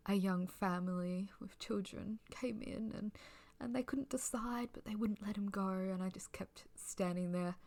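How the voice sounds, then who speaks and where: A young woman rambles sleepily in a soft-spoken ASMR style. Her voice is breathy and often close to a whisper, with a lot of fry and creak at a middling pitch. She drifts along casually and without hurry. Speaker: ASMR creator giving a personal ramble.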